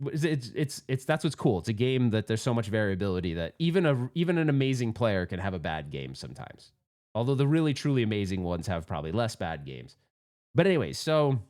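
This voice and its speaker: Animated man telling a rambling story. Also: mid-range voice. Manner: rambling, self-mocking, candid. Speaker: pinball channel host. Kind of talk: casual storytelling monologue.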